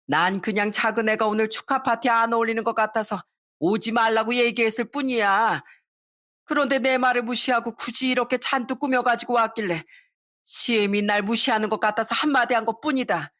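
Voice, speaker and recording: A woman voicing a sharp-tongued older mother-in-law who scolds and complains. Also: on the high side, brisk, voice pushed up, lightly acted. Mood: defensive. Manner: scolding, whiny exclamations.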